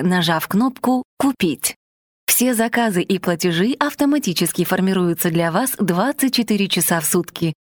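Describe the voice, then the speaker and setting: A woman reads automated phone greetings and menu options, polite and formal. Her voice sits a little low for a woman, and the recording is very dry and close, with no room sound at all. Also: no room sound. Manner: polite, even, formal announcing.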